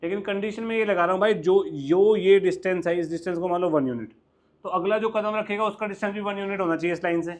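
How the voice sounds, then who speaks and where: A young man with an Indian accent teaching a maths class, lively and coaxing, often quizzing his students. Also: sits high, quick pace. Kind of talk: classroom lecture mixing Hindi and English.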